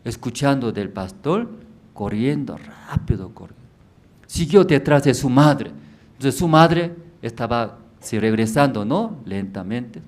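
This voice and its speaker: Slow, animated man preaching a sermon. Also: mid-range voice. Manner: simple storytelling with constant rhetorical questions. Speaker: pastor. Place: church.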